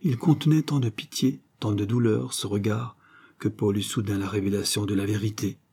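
A man narrating a classic novel as an audiobook in a measured, even reading. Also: on the low side, gravelly, husky.

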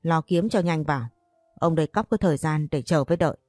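A woman's voice: low-pitched, a little fast, a little mellow, dry recording, studio quality, faint music behind. A woman voicing a coarse, ruthless male loan shark who makes blunt threats in an audio story. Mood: menacing.

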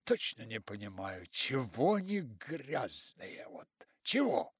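A man voicing an excitable, boastful middle-aged farm manager who talks loudly and fussily. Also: slow pace, breathy edge, no room sound, heavily acted. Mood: fussy, proud. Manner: shouts high down a crackly phone line.

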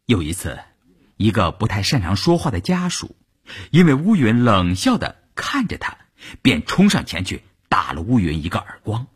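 A man telling a long novel on the radio in an expressive, storytelling manner. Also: moderate pace, slightly rough. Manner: expressive, swinging pitch.

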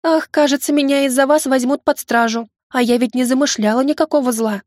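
A woman's voice: high voice, fairly even intonation, a little fast, darkish tone, dry recording, studio quality, lightly acted. Woman doing a coy, purring servant girl.

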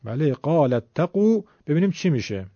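A man's slightly high, dark, husky voice comes across as very animated as he teaches Quran recitation rules, patiently explaining step by step and asking students questions in a classroom-style lesson. The recording is dull and lo-fi, dry with no echo.

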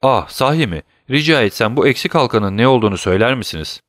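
A man's voice: medium pitch, lively intonation, fast, a bit bright, dry recording, clean studio sound, natural voice. A man voicing a scheming, hot-tempered villainous count in an audiobook, sneering and defiant. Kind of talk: audiobook character voice.

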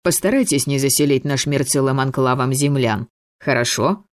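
Woman playing a tired wizard official, brisk and formal, voice pitched up a bit, dry. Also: no room sound, natural voice. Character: weary head of a wizard commission, man.

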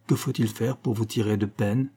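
Calm composed gentleman, read by a man, measured delivery, mellow tone. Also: lowish voice, husky. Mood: kind. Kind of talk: audiobook character reading.

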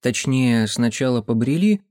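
A man reading a fantasy story aloud as narrator in a steady, even way. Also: medium pitch, a little slow, dry recording, clean studio sound. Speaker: audiobook narrator. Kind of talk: scripted narration.

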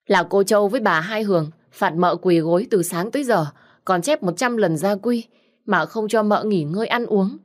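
A woman voicing a young female servant girl who pleads and tattles in a high, complaining voice, in a storybook reading. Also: moderate pace, a little mellow, natural voice. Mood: pleading. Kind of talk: storybook narration.

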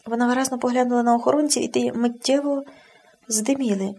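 A woman narrating an audiobook in an expressive, measured reading. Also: fairly high pitch, slightly rough.

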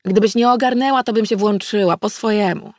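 A woman reading an audiobook, voicing an ancient, scarred and mischievous she-wolf goddess who talks in a slow, drawn-out, teasing way. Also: mid-range voice, no echo, clean studio sound, close to an everyday voice. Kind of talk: audiobook character voice.

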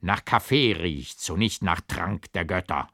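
A man's voice: sits low, expressive, a little slow, creaky, sharp tone, no echo, studio quality, heavily acted. A man voicing a robust middle-aged English doctor who declaims in pompous verse. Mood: pathetic.

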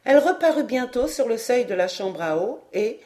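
Woman reading an audiobook aloud. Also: a little high. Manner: measured, expressive reading. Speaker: audiobook reader. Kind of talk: audiobook narration.

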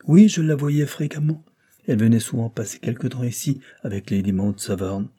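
Reading from a storybook, a man voices a calm, authoritative gentleman who is a lawyer and a father, speaking in a measured, firm way. His medium-pitched voice is pushed up, with a breathy edge and a lightly acted delivery.

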